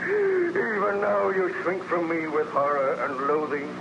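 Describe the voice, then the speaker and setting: A man's voice: a little high, lively intonation, unhurried, vocal fry, highs cut off. An actor playing a bitter, anguished, lonely man-made monster in solemn, declamatory 1930s radio drama style. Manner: declamatory, solemn, theatrical, formal phrasing. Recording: noisy, band-limited 1930s radio recording.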